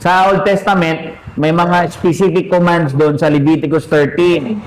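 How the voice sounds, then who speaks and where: A man with a fairly high voice preaching a sermon. He teaches in a relaxed, conversational way and keeps checking in with his listeners through questions. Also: unhurried, poor audio.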